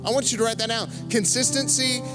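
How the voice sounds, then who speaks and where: A man preaching a youth sermon in a church service, energetic and punctuated with joking asides to the crowd. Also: very high voice, quick pace, over loud music. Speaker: youth pastor.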